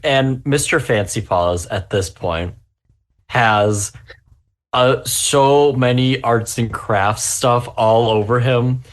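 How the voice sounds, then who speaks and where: A man playing a tabletop game who describes his character in an easygoing, halting way. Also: mid-range voice. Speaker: player. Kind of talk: casual play narration.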